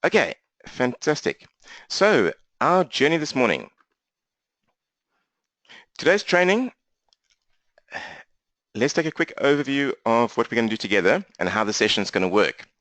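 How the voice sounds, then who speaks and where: A man with a strong South African accent, speaking fast and energetically as he leads a live online training session from his laptop. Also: mid-range voice, no room sound. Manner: fast-talking, energetic, interactive. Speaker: business coach for accountants. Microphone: laptop mic.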